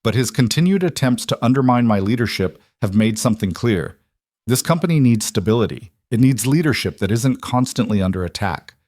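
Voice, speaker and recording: A man's voice: medium pitch, lively intonation, brisk, darkish tone, dry recording, studio quality, lightly acted. A man voicing a composed female CEO and young mother in a storybook narration, firm and persuasive.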